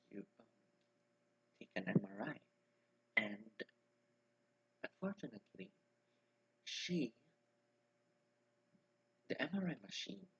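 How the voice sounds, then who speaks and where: Halting young man with a gravelly voice. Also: mid-range voice, a bit bright, dull audio. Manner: halting, full of restarts and fillers. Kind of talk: informal explanatory lesson.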